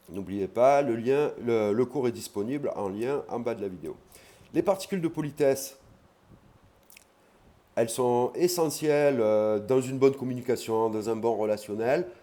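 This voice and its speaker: A man teaching an online language lesson, explaining patiently and repeating key words slowly. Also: medium pitch, warm tone.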